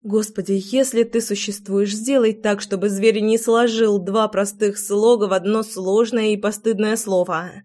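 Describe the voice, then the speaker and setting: A woman's voice: medium pitch, fairly even intonation, normal speed, few pauses, a little mellow. Brief: woman audiobook narrator, first-person storytelling, wry and breathless asides.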